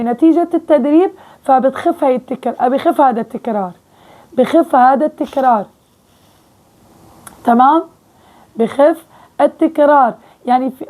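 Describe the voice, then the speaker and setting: A young woman with a Levantine Arabic accent teaching Quran recitation, patiently explaining and slowly repeating sounds. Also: high-pitched, a little mellow. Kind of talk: online tajweed lesson.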